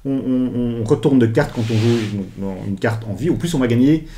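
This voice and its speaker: A man co-hosting a board game review, explaining the rules in casual chat, animated and often correcting himself mid-sentence. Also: medium pitch, fairly quick, a little hiss or hum. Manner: animated, self-correcting, finishes his partner's sentences.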